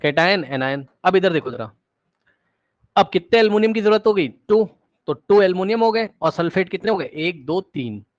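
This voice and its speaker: High-voiced man teaching an online class. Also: no echo. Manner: energetic, repeats words rapidly to prod students; coaxing questions to the class. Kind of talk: live online class lecture. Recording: dull, dry online-class audio.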